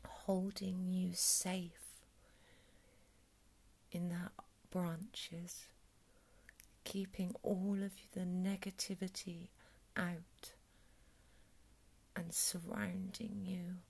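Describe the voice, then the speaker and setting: A woman with a soft, calm whisper, guiding a breathing meditation in a soothing ASMR style. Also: on the low side, extremely slow, gravelly, long pauses, breathy edge. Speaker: meditation guide.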